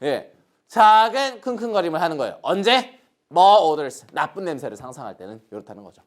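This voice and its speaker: A man's voice: on the high side, very animated, moderate pace. A Korean man teaching an English grammar lesson online, asking questions and answering them himself while pointing things out on the board. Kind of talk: online lecture.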